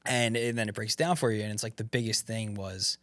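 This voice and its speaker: A man's voice: on the low side, steady tone, brisk, a bit bright, no room sound. A man in his thirties chatting casually as a podcast host, laid-back and rambling, with many fillers and restarts. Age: 30s. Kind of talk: casual chat.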